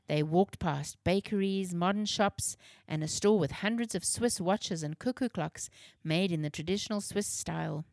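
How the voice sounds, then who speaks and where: A woman narrating a children's storybook in a clear, measured reading. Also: lowish voice, a little mellow, dry recording, studio quality.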